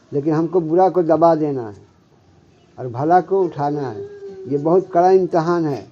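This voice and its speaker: A man giving a devotional sermon as a Sufi spiritual guide, often stopping to check with his listeners and slowly reciting Arabic scripture. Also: on the high side, a little hiss or hum. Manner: keeps checking with listeners, "hmm?". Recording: muffled lo-fi recording.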